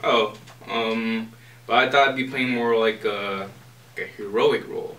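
Young guy in a student skit pushing back hard, bright voice, echoey room. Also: fairly low pitch, measured pace. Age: young adult. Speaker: student actor playing an auditioning actor. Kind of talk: amateur student skit acting. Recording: roomy, distant, faint noise.

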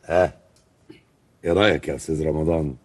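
A man's voice: very deep voice, fairly even intonation, fairly quick, a little mellow. An actor playing a male government minister who speaks in a placating, soothing way.

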